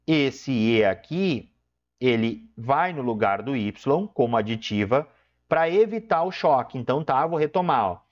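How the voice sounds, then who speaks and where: A man's voice: mid-range voice, animated, unhurried. A man teaching Spanish, walking through exam questions and often checking in with his students. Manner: explanatory, keeps checking in with "tá?" and "ó". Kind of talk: exam question walkthrough lesson. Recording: dull lo-fi recording.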